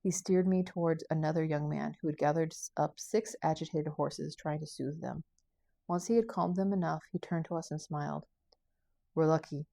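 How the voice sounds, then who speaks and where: Low, gravelly woman reading her novel. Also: no echo. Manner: steady, unhurried reading with occasional slips. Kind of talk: first-person audiobook narration.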